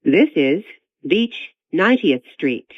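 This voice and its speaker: A recorded train announcer making onboard stop announcements over the loudspeaker after a chime, in a measured, evenly paced delivery. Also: mid-range voice, sing-song, dry recording. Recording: tinny, dry speaker sound.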